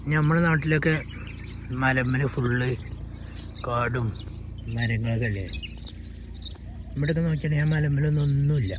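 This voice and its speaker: A man with a Malayali accent chatting casually for an outdoor travel vlog, mixing English words into his Malayalam. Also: medium pitch. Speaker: vlogger. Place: outdoors in the open. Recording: noisy outdoor recording with animal and vehicle sounds.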